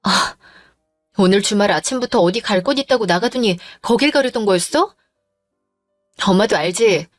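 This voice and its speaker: A woman's voice: medium pitch, lively intonation, normal speed, long pauses, no room sound, studio quality, soft background music, natural voice. A woman voicing a tired young wife who defends herself against her husband's jealous accusations, in a dramatized story. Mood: explaining. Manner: defensive, weary, pleading.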